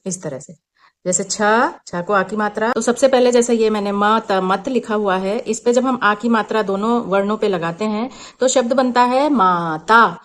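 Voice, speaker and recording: A woman teacher explains a children's worksheet step by step, slow and patient. Her pitch sits in an ordinary middle range, and she drops English words into her explanations. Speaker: teacher and channel host.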